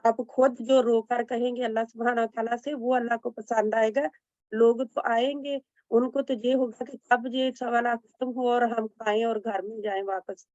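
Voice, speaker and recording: A woman student giving earnest, gentle advice during an online class discussion. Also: on the high side, steady tone, normal speed, no echo, highs cut off.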